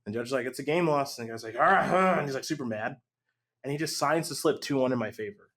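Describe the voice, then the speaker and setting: A man casually telling a long gaming story on a podcast, lively and acting out the voices of the people in it. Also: medium pitch, fast talker. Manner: animated, acts out quotes with voice jumps.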